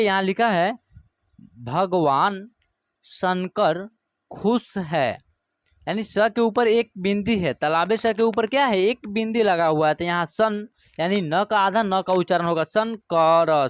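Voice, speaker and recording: Male reading teacher, high voice, very slow, drawn-out word drills, dull dry lo-fi sound. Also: no room sound. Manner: spells out words slowly syllable by syllable, then explains quickly; addresses viewers as friends. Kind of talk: online reading lesson.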